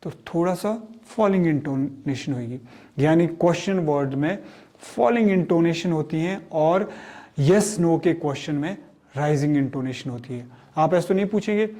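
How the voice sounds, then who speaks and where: A man teaching communication skills, speaking slowly and deliberately, asking questions and then answering them himself. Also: a little high, lively intonation, dark tone. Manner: slow, deliberate teaching delivery, drawing out and repeating key words; mixes English terms into Hindi explanations. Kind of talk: spoken lesson on communication skills.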